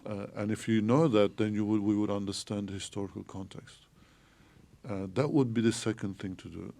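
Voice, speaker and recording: Podcast guest: man from Turkey, theologian, gravelly mellow voice, measured explainer. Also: lowish voice, steady tone. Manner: measured, explanatory, frequent hesitations. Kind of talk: podcast interview.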